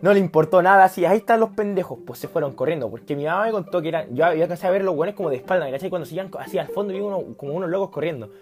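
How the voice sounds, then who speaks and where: A man with a Chilean accent telling a story in a casual, animated and slangy way, dropping to a hush and rising to shouts. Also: a little high, very fast, hardly any pauses, soft background music. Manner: animated, slangy and profane, swinging from hushed to shouting.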